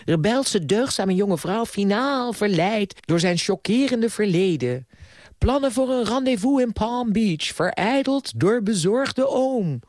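A man voicing a spoiled, defiant rich young woman in a radio play reading, scornful and sharp-tongued. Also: sing-song, moderate pace, no room sound, studio quality. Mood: mocking. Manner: scornful, sharp-tongued, raised falsetto-like pitch.

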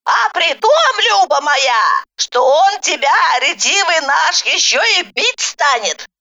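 Woman doing a sly old granny, high lively scolding, lo-fi. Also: slow, full character voice. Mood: ominous warning. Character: sharp-tongued scheming old grandmother.

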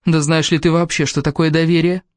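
Harsh young woman from an audiobook, read by a man: clipped, cold, fairly high voice, dry sound. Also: level tone, fairly quick, no room sound, natural voice. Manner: sharp, clipped retorts. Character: furious betrayed young woman, cold and proud.

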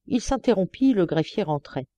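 A woman reading a classic novel aloud as an audiobook narrator, measured and expressive. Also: medium pitch, no room sound. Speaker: audiobook reader. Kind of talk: scripted narration.

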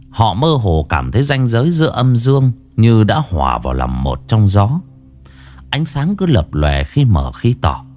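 Male horror storyteller, lowish voice that swoops widely, faint music bed. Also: darkish tone. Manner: dramatic, ominous storytelling. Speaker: narrator. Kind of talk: scripted horror story narration.

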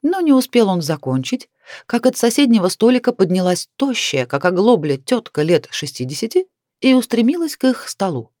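A woman narrating a story in an expressive, lively reading. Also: mid-range voice, normal speed, no echo, studio quality. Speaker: audiobook narrator.

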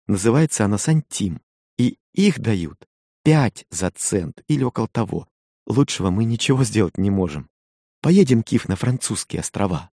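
A man's voice: mid-range voice, mellow, dry recording, studio quality, pitched above the performer's own voice. A man voicing a loving, resolute young island woman who speaks earnestly and pleads with feeling.

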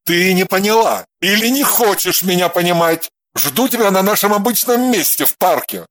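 A man voicing a jealous, furious husband who snaps and shouts at his wife. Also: on the high side, animated, slow pace, dry recording. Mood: stern. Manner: shouting, snapping, harsh. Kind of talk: audiobook character voice.

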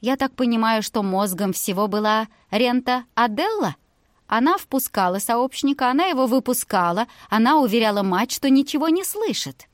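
A woman voicing a calm young female mage who speaks dryly and matter-of-factly. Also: a little high, moderate pace, no echo, close to an everyday voice. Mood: confident. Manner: dry, matter-of-fact.

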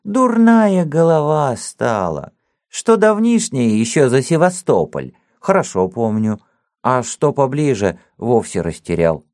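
Man doing a mumbling old watchman, high thin voice, toothless lisp, servile, rambling. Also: very animated, unhurried, a little mellow, dry recording, clean studio sound. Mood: chatty. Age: older. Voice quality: mumbling, lisping. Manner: deferential, rambling folk speech.

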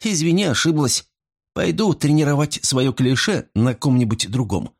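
A man's voice: mid-range voice, very animated, moderate pace, a little mellow, breathy edge, voice pushed up. A man doing a wry, teasing barmaid. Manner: teasing, dry. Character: wry young woman bartender.

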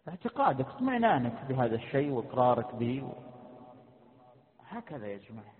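A sheikh teaching a creed class, quizzing his students and repeating his questions in a mix of colloquial and formal speech. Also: mid-range voice. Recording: tinny phone-like lecture recording in a reverberant hall.

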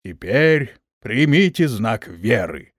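A man voicing a stern male holy preacher, commanding in a loud, slow voice in an audiobook. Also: mid-range voice, big pitch swings, dry recording, studio quality.

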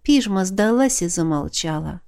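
A woman reading a novel aloud in a measured, expressive narration. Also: lowish voice, smooth. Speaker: audiobook reader. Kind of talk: scripted narration.

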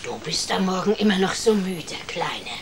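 A woman's voice: lowish voice, animated, normal speed, over a noisy crowd. An actress playing a cruel, greedy, half-blind old witch in a radio play, cackling and taunting, sometimes dropping to sly whispers.

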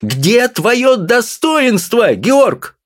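A man reading an audiobook and voicing a small, excitable older woman who scolds in a shrill voice. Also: very slow, heavily acted. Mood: indignant scolding.

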